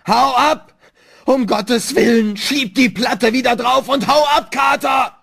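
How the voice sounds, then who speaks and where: A man voicing a panicked young man trapped underground, shouting desperately in a high voice. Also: expressive, slow.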